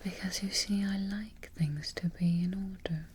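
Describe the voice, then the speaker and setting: A woman playing an imperious, fussy, vain evil queen in a darkly comic ASMR roleplay, with a soft, breathy near-whisper, close to the microphone and haughty in her phrasing. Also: mid-range voice, fairly even intonation, slight background noise, lightly acted. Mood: composed, approving. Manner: deliberate, haughty, formal phrasing.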